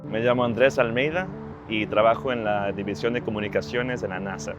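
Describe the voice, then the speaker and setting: Born in Ecuador and now in his thirties, a social media strategist gives an earnest personal interview about his work and family, repeatedly restarting phrases. His voice is on the low side and brisk, and the recording has its highs cut off, with a clear music bed running underneath.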